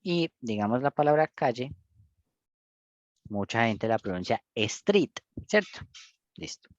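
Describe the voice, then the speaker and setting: A man's voice: mid-range voice, a little mellow, no room sound. Man, English teacher, patient step-by-step explaining, lo-fi, dry. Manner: patient, explains step by step with frequent checks like "¿cierto?" and "listo". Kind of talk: one-on-one online English lesson.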